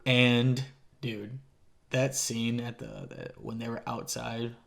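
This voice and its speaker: A young man talks through a movie with a friend at an even, mid-range pitch. He rambles and swears casually, his voice jumping up whenever something excites him. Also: takes it slowly, gravelly. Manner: animated, swears freely, rambling. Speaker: co-host. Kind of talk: casual movie review chat.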